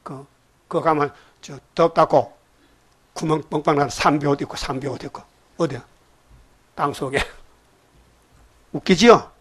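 A man's voice: a little high, unhurried, long pauses, breathy edge. A man preaching a sermon, emphatic and prodding his listeners with repeated questions.

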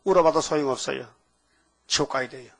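An older man preaching a sermon, asking rhetorical questions and breaking into sudden emphatic loud rises. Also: mid-range voice, brisk, vocal fry. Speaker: pastor.

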